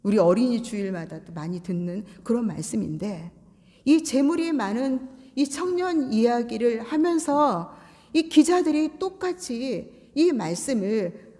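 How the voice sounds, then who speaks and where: A woman's voice: a little high, mellow, in a large hall. A woman pastor giving a sermon in conversational style, asking the congregation questions. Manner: conversational preaching with rhetorical questions. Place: church sanctuary.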